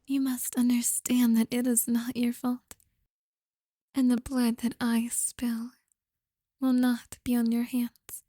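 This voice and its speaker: A woman playing a possessive, manipulative girlfriend in an ASMR role-play, soft and breathy, with a creepy, coaxing, controlling manner. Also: fairly high pitch, flat delivery, slow, dry recording. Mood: quietly menacing. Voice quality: soft, breathy, often soft-spoken. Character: possessive, manipulative yandere girlfriend, sweetly menacing.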